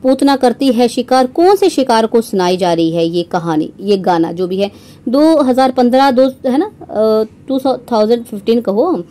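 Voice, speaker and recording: A woman's voice: on the high side, animated, normal speed, dark tone. A young woman reaction vlogger talking straight to her viewers, mocking and sarcastic, often tagging her lines with a rhetorical question. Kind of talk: scornful commentary to viewers.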